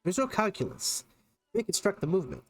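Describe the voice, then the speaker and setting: A man playing a video game and commenting casually, with a fairly high, animated voice. He is playful and teasing, reading dialogue choices out loud. The sound is dry and close. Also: a little fast, dry recording, faint music behind. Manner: playful, teasing, laughs a lot, reads choices aloud. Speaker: gamer playing through a game.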